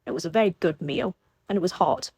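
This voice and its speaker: A woman's voice: on the low side, animated, fast, darkish tone, slightly rough, no room sound. Woman reading frank jovial young lord Ned. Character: frank good-humored young male lord.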